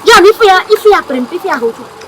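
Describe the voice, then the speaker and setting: A woman's voice: very high voice, sing-song, racing. A Nigerian woman playing a young friend who coaxes and teases another woman, mixing Igbo and English. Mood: teasing. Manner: coaxing, teasing, mixes Igbo and English. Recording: noisy with engine sounds.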